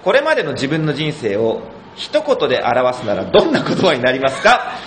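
A man from Tokyo hosting a casual talk, chatting in an animated way and laughing often. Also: mid-range voice, normal speed, echoey room, a little hiss or hum. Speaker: host. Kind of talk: casual chat.

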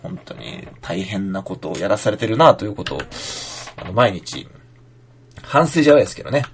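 A man's voice: fairly low pitch, big pitch swings, brisk, slight background noise. A man raised in Fukushima hosting a casual podcast, reading listener mail and slipping into Fukushima dialect to demonstrate lines. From Fukushima, Japan. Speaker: podcast host, playwright.

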